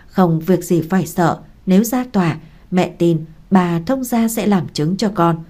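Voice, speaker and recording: A woman voicing an older mother who speaks in a calm, soothing, reassuring way. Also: on the low side, moderate pace.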